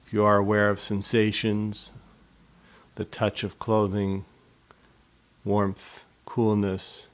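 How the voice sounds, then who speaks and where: A man instructs a guided body scan meditation in a fairly low, monotone voice. His speech is measured and gently instructive, with pauses between each phrase.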